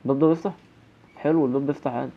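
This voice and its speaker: A man's voice: medium pitch, steady tone, rapid-fire, highs cut off, a little hiss or hum. A young man with an Egyptian Arabic accent giving horror game commentary, jumpy and nervously rambling. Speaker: gaming channel host.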